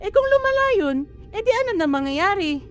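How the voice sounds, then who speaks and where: Faint music plays behind a woman with a Filipino accent as she voices an anxious, nagging mother of adult children in an amateur radio drama. She scolds angrily and exclaims in a very high, sing-song voice at a fairly quick pace, always quick to reprimand.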